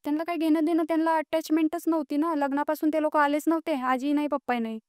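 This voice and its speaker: Young woman, high voice, earnest guest recounting hardship, indignant at times, dry mic. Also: steady tone, fast talker, a little mellow, no room sound. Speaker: podcast guest. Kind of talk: emotional personal storytelling.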